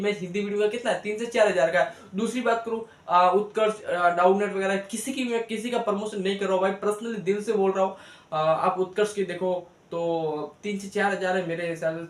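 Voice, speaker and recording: A young man, a biology educator, giving casual, earnest coaching advice to students, repeating points and talking straight to them. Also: high voice. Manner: chatty and earnest, repeats himself, direct address. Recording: echoey room.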